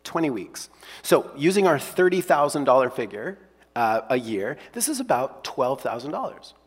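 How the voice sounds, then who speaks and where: A man preaching a sermon, emphatic and repetitive, sometimes dropping to hushed tones. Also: medium pitch, big pitch swings, moderate pace, husky. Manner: emphatic, repeats key phrases, drops to hushed tones. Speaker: pastor. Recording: long hall reverb.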